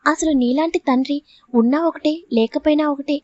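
A stern, protective elderly grandmother scolds and pleads through tears, voiced by a woman reading the story aloud. The voice sits high and the recording is dry and muffled, close to the mic. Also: normal speed, a little mellow, no echo, lightly acted. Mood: angry. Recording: dull lo-fi audio.

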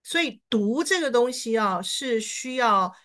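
A woman teaching an online reading class, encouraging her students and sounding out English words slowly. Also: fairly high pitch, lively intonation, a bit bright. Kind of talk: online lesson.

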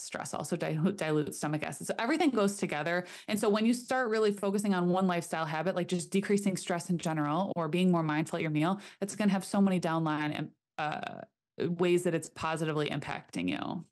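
Interview guest, young woman chiropractor, earnest explainer, lower voice, remote desk mic. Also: darkish tone. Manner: earnest, explanatory, speaks fast in runs. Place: home room. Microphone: desk studio mic, remote call.

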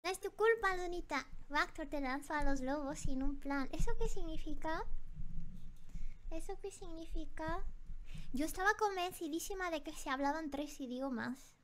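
Young woman streamer, super high voice, flustered, keeps repeating herself. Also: normal speed, a little hiss or hum. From Japan. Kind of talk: casual stream reaction.

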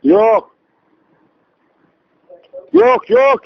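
A man's voice: very high-pitched, huge pitch swings, extremely slow, gravelly. A man heard over the phone as the target of a prank call, talking in a brusque, impatient way and repeating himself. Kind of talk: phone conversation. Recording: tinny phone line.

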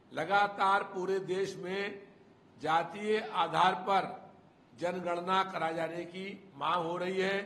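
An older man, a party spokesman, giving an emphatic, measured political statement into a handheld press mic indoors. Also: high voice, a bit bright. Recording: echoey room with faint noise.

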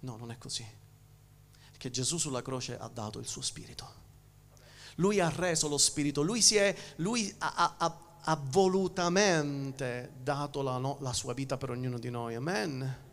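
Gravelly Italian pastor, dramatic sermon. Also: male voice, mid-range voice, measured pace. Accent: Sicilian Italian. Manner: preaching with sharp swings between loud emphasis and hushed near-whispers; repeats and restarts words while preaching.

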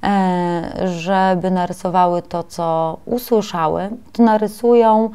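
A woman presenting a webinar lecture to preschool teachers, often pausing with filler sounds as she explains her slides. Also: lowish voice, fairly even intonation, mellow, clean tone.

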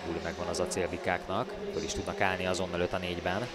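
A man giving excited ice hockey commentary, with his voice rising loudly for the big plays. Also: sits low, a loud crowd. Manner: bursts into loud, raised calls on goals.

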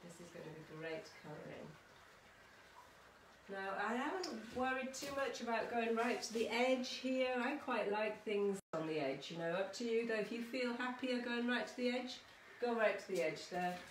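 Animated and fairly high-pitched at a moderate pace, a middle-aged artist gives a casual art demo to children, chatting, encouraging and checking in with them often. The workshop takes place in a small conservatory-style home studio. A camera or phone a short distance away serves as the mic, so the recording is roomy, distant and has some background noise.

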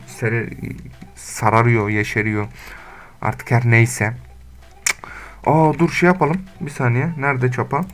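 A man's voice: medium pitch, a bit bright. A young man giving casual, slangy commentary while playing Minecraft, scolding his animals and talking to viewers. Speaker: gaming YouTuber. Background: faint game music and keyboard typing.

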